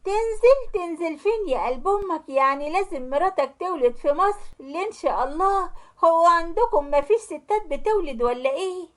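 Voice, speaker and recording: A woman's voice: very high-pitched, lively intonation, fairly quick, voice pushed up. A woman voicing a scornful, nagging middle-aged mother-in-law who scolds and mocks, with an Egyptian accent. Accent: Egyptian Arabic.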